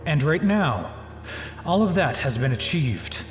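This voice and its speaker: A man playing a cold, godlike game-creator villain in an anime fan dub, announcing in a formal, measured, theatrical way. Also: fairly high pitch, sing-song, music in the background. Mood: cold, solemn. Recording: echoey, long hall reverb.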